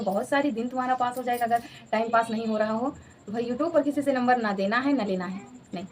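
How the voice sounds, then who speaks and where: A woman's voice: a little high, a little hiss or hum. A woman in her thirties chatting casually in a home vlog, repeating herself and laughing often. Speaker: vlogger.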